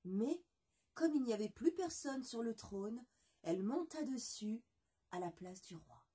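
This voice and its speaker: A woman with a slightly husky voice reads a bedtime story aloud. Her pitch sits fairly high and moves with lively, expressive swings. She reads softly and fondly, as if to children. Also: a little slow.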